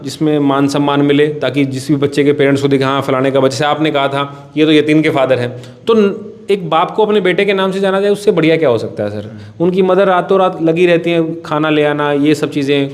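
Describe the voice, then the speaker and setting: A man's voice: fairly high pitch, brisk. A man who runs a coaching academy, answering interview questions earnestly and with passion, often addressing the interviewer as sir. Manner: impassioned, pleading, repeatedly addresses the interviewer as sir.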